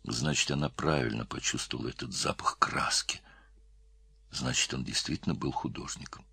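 A man reads an audiobook in a very low, husky voice. His intonation moves expressively. The recording is dry and close, with no room sound. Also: steady tone, moderate pace, sharp tone, dry recording, whispered. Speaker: audiobook narrator. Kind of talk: scripted narration.

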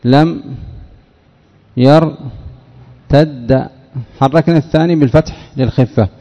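A man's voice: mid-range voice, normal speed, dark tone, long reverb tail, highs cut off. A man, a sheikh, teaching a classroom lesson on Arabic morphology, stretching out key words and quizzing his listeners with short questions.

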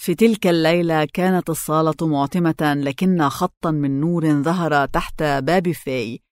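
A woman narrating a novel as an audiobook in a measured, steady way. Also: low-pitched, no echo, studio quality. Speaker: audiobook reader.

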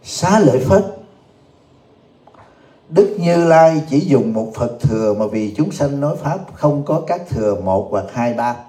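A man's voice: medium pitch, expressive, measured pace, dark tone. A man giving a humorous Buddhist Dharma talk to a live audience. He jokes, laughs often and keeps asking the listeners questions. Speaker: Buddhist teacher. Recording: echoey room.

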